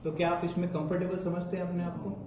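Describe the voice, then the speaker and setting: A man's voice: high voice, flat delivery, fast, slight background noise. A man teaching a spoken English class, asking questions and prompting students to repeat after him. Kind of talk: live classroom lesson. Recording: echoey classroom from far off, muffled, class audible. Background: students in the room.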